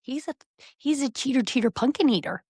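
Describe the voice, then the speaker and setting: A woman co-hosting a podcast, telling reality TV stories in an animated, gossipy way. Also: high voice, a little fast, breathy edge, dry recording, clean studio sound. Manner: animated storytelling, recounting reality TV scenes. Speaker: podcast co-host. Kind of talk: casual podcast chat.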